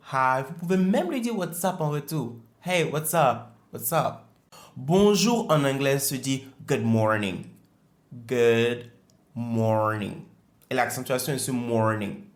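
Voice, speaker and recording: A man teaching a beginner language lesson, saying each word slowly and more than once so learners can copy it. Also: mid-range voice, roomy sound. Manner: slow, careful modelling of words with repetition. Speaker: English teacher.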